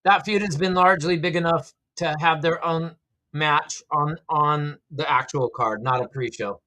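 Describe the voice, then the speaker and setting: A man's voice: a little high, fairly even intonation, measured pace, pushed and bright, low-quality recording. A man hosting a casual livestream, giving wrestling commentary and opinions while talking back to his viewers in a conversational way. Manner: opinionated, conversational, reads out and answers chat comments. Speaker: livestream host reacting to wrestling. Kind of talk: casual live-stream commentary, chatting with viewers.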